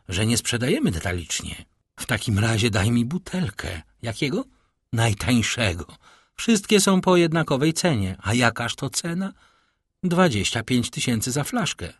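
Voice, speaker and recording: Husky man reading an audiobook. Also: mid-range voice, no room sound, studio quality. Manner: reads all characters in one voice with lively intonation. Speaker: audiobook narrator. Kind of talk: audiobook reading of a classic novel.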